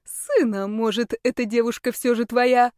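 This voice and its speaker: A woman's voice: a little high, fairly even intonation, moderate pace, a little mellow, dry recording, studio quality, voice pushed up, natural voice. A woman voicing a sly, scheming older werewolf matriarch who sighs dramatically and longs for grandchildren. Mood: lamenting, sly.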